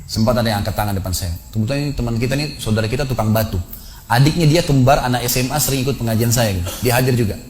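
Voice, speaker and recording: A man preaches at a quick clip, telling a story with dramatic swings from hushed to loud pleading. His pitch sits in a middle range. Faint noise sits under the recording. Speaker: Islamic preacher. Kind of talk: sermon storytelling.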